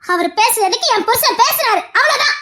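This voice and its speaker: A woman's voice: very high-pitched, expressive, brisk, bright, forceful tone, slight background noise, exaggerated voice. A woman voicing an indignant young wife who sharply scolds the men and defends her husband in an audio family drama.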